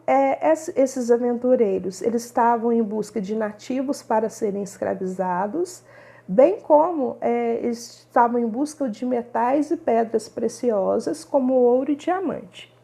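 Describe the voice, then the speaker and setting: A woman's voice: on the high side, creaky, mellow. A woman from São Paulo, teaching a recorded history lesson and explaining with rhetorical questions and frequent tag questions. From São Paulo, Brazil. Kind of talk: recorded remote class lesson.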